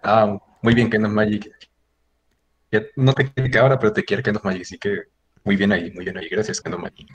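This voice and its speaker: A man's voice: fairly low pitch, fairly even intonation, a little fast, slight background noise. A man with a Mexican accent hosting a casual group chat, crude, slangy and bossy with his friends. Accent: Mexican Spanish. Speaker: host.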